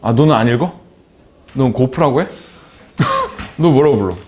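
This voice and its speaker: A man's voice: mid-range voice, expressive, fairly quick, a little mellow. A man teaching a math class, chatting with students and teasing them by name between explanations. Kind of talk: classroom lecture with banter.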